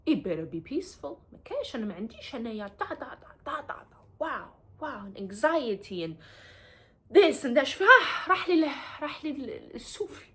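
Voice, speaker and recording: A woman talks straight to camera in a casual, big-sister advice vlog. Her voice sits a little high. She is emphatic and chatty, calls the viewer honey and darling, and mixes Arabic and French words into her English. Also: bright, forceful tone, breathy edge. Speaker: advice vlogger.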